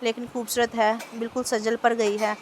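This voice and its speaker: A woman reading the lines of a joyful, emotional young husband in a storybook novel, in a flat, even reading voice. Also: fairly high pitch, fairly quick, a little hiss or hum, lightly acted.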